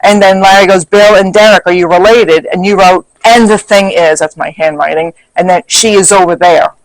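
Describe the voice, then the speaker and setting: A man's voice: high voice, steady tone, moderate pace, dry recording, rough recording. A man recapping a paranormal investigation in casual talk, reading back questions and answers from his notes.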